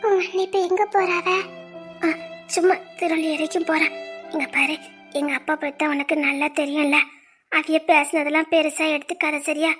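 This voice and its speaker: A woman's voice: high voice, steady tone, normal speed, a bit bright, soft background music. A young woman, acting a kind younger sister who soothes and consoles. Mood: consoling. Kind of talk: web series drama acting.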